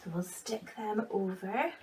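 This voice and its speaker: A woman with a medium-pitched voice presents a craft for children. She gives simple, friendly step-by-step instructions over faint background noise. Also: a little slow, darkish tone.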